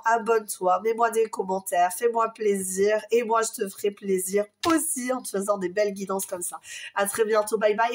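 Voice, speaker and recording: A woman giving a casual tarot reading straight to the viewer, affectionate and encouraging, her voice a bit strained. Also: a little high. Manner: affectionate, encouraging, chatty with many fillers. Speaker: tarot card reader.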